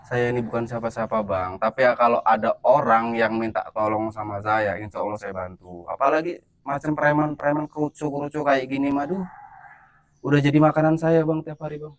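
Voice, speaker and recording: Skit lead: a calm, teasing man, average pitch, keeps laughing off the threats. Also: brisk. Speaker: skit lead and channel host. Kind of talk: amateur skit acting.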